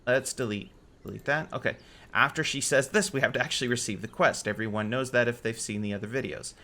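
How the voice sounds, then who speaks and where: A man hosting a casual game server tutorial, relaxed and correcting his own slips as he goes. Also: mid-range voice, fast talker. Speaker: game modding tutorial host. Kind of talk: casual screen-recorded tutorial.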